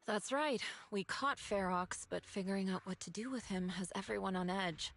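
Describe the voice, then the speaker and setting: A woman's voice: medium pitch, normal speed, a bit bright, faint music behind, natural voice. A woman voicing a composed, resolute master of disciples in an anime-style video game. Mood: reflective.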